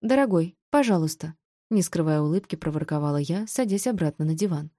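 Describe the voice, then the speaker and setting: A woman reading a first-person novel aloud, wry and sharp-tongued. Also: deep voice, fast talker, dry recording, studio quality. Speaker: audiobook narrator.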